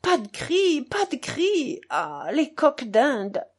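A woman reading a novel aloud, voicing a proud young woman who speaks sharp and scolding. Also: high-pitched, huge pitch swings, slow, voice pushed up, heavily acted.

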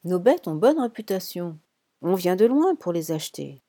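A woman's voice: fairly low pitch, very animated, moderate pace, mellow, no room sound, studio quality. A woman voicing a stocky middle-aged female ranch manager, plain and matter-of-fact, in an audiobook.

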